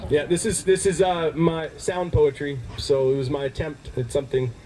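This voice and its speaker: A man's voice: on the high side, little pitch movement, normal speed, noisy background. A young man performing spoken word poetry live on stage, reciting in a rhythmic, emphatic way and breaking into beatboxing.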